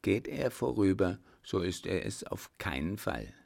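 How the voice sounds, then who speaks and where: A man's voice: sits low, sing-song, unhurried, gravelly, a little mellow, exaggerated voice. Man reading as a tense scheming army captain.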